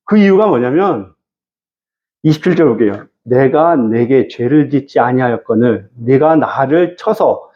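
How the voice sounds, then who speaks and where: A man's voice: medium pitch, animated, measured pace, dull audio. A male pastor preaching a Wednesday evening sermon, teaching verse by verse and speaking directly to the congregation. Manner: conversational, addresses the congregation directly.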